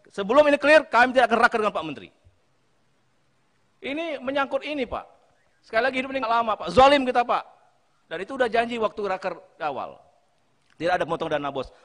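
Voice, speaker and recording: A man whose voice sits high with a fairly bright tone chairs a parliamentary committee hearing, delivering an impassioned plea as he addresses the minister again and again. His speech carries a long reverb in the large hearing chamber.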